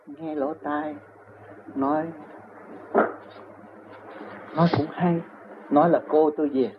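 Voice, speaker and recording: An older man with a Southern Vietnamese accent rambles through long personal stories in an interview, chuckling often. His voice is a little high, fairly even in intonation, at a normal speed, and the recording sounds tinny and phone-like with faint noise.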